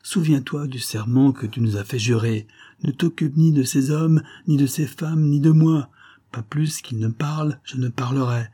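A man's voice: lowish voice, normal speed, warm tone, husky. A man voicing a defiant young Carib warrior who pleads proudly with his father in an adventure story.

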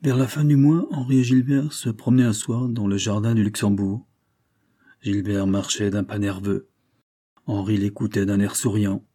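Brief: male narrator, low dark voice, slightly husky, calm measured audiobook reading. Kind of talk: scripted narration of a novel.

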